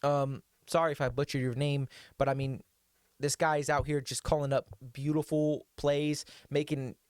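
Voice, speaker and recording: A man's voice: on the high side, level tone, moderate pace, a little mellow, clear, resonant tone, no room sound. Man rambling about football, dry close sound. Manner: loose, rambling, lots of fillers and restarts. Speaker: podcast host. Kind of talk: casual sports talk.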